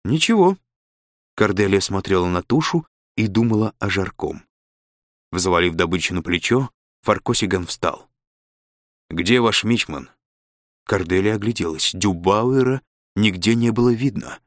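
A man reading an audiobook in a steady, expressive narration. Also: low voice, normal speed, no room sound, clean studio sound.

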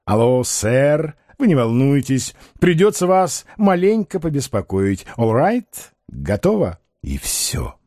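A self-assured male con man, ironic and grandly eloquent, as a male reader puts him on. His delivery rises and falls widely, and his tone is mellow and warm. The sound is dry and close, with no room around it. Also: mid-range voice, very animated, slow pace, few pauses, no echo. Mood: dreamy.

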